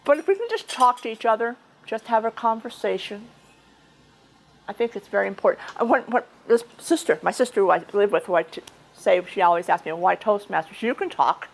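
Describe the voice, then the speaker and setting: A woman's voice: fairly high pitch, expressive, brisk, low-quality recording. A woman giving an informal, chatty speech at a club meeting, talking conversationally with frequent restarts and asides. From United States.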